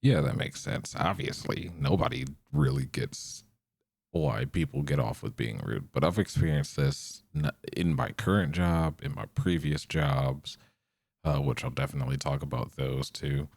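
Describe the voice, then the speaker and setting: Young male podcast host, very deep gravelly voice, slow monotone rambling, dry close sound. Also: no room sound. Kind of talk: unscripted solo podcast rambling.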